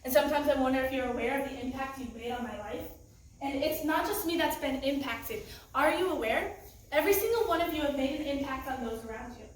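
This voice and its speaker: Teen girl, high and earnest, emotional youth-group testimony in an echoey room, mic far off. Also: fast. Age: teens. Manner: earnest, emotional, laughs nervously. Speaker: youth group student speaker. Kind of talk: personal testimony talk.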